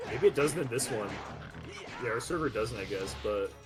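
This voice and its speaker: A man's voice: mid-range voice, normal speed, music in the background. A man chatting on a stream with a friend, rambling and joking, with sudden jumps in his voice. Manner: animated, rambling, jokey. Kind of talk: casual chat.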